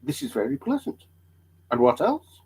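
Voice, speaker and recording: A man playing an eager, credulous, curious traveller with hammy, excitable stage delivery in a dramatic storybook reading. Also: mid-range voice, normal speed, breathy edge, full character voice. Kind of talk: dramatic reading of old allegory.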